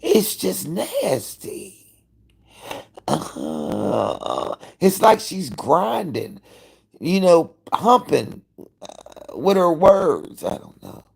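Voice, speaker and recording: A man in his fifties hosting a casual livestream from home, gossiping with viewers in an animated, profane way. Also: a little high, extremely slow, creaky, long pauses, breathy edge, low-quality recording. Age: 50s. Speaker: livestream host. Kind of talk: casual live-stream chat.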